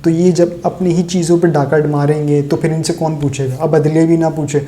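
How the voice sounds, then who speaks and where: A man's voice: fairly high pitch, flat delivery, warm tone. A man from Pakistan delivering sarcastic, opinionated solo political commentary straight to his viewers.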